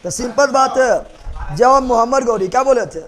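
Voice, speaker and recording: A man's voice: very high voice, expressive, moderate pace, fairly bright tone. A man teaching history to a class, repeating points, quizzing students and joking with rhymes. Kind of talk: classroom lecture with mnemonics.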